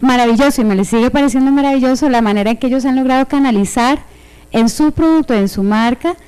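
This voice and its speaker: A Costa Rican woman co-hosting a radio show, enthusiastic, quoting local slang with lively voices. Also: sits high, quick pace, smooth.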